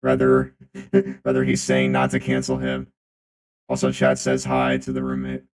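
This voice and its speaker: Man in a booming metallic robot voice. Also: completely flat delivery, unhurried. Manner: rambling, repeats phrases over and over. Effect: booming, deep, metallic robot voice changer. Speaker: streamer. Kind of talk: casual live-stream chat.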